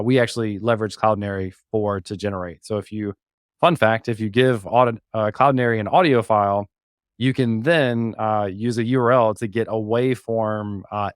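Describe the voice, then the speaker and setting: A man appearing as a guest and co-host on a podcast talks casually and conversationally through a walkthrough. His voice is fairly low-pitched, and the recording is dry with a clean studio sound.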